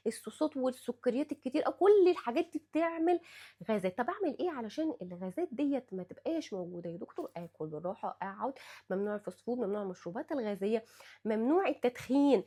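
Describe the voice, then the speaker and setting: A woman with an Egyptian accent rattles off diet advice at a very rapid clip, her voice a little husky. She is a doctor speaking directly to her viewers in an emphatic, casual way, with a tone pitched somewhat high. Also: dark tone. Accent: Egyptian Arabic. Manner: emphatic, talks straight to the viewer.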